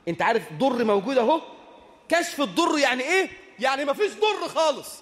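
A man's voice: very high-pitched, lively intonation, quick pace, a bit bright, long reverb tail. A man with an Egyptian Arabic accent preaching a sermon, telling a story with humor and asking the audience rhetorical questions.

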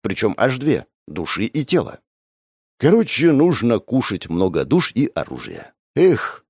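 A man narrating a first-person audiobook in an expressive, wry manner, voicing all the characters. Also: lowish voice, a little slow, breathy edge, no room sound, clean studio sound.

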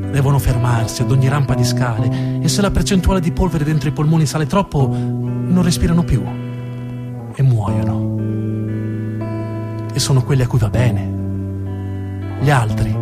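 Over plucked guitar music, a man with a mid-range voice performs a scripted dramatic narration as a theatre storyteller. His delivery is measured and deliberate, marked by pauses and emphatic repetition.

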